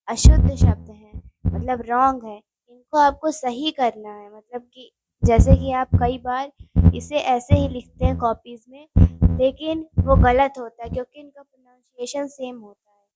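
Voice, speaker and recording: A woman's voice: high-pitched, dark tone, no echo, rough recording. A woman teaching Hindi spelling for exam preparation, explaining words step by step and chatting directly to her viewers. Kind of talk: spoken exam-prep lesson.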